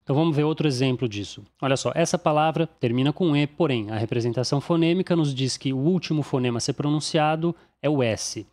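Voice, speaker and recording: A man with a Brazilian Portuguese accent teaching English pronunciation, explaining clearly and repeating each example word slowly. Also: a little high, darkish tone. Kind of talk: instructional explanation.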